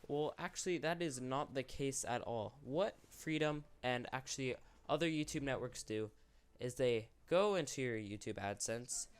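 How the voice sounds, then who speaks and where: Speaking at a normal speed with few pauses, this young YouTube channel host has a clear, resonant, mid-range voice. His unscripted commentary wanders and doubles back on itself, candid despite the illness that's costing him his voice.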